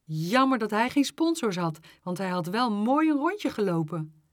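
A woman reading a children's story aloud in an unhurried, expressive way. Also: no room sound, clean studio sound. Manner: unhurried expressive reading, lively pitch on exclamations.

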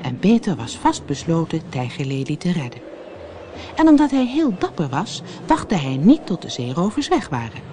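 An expressive reader narrating a children's storybook, with faint background ambience. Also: mid-range voice, normal speed, a little hiss or hum. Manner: expressive, animated.

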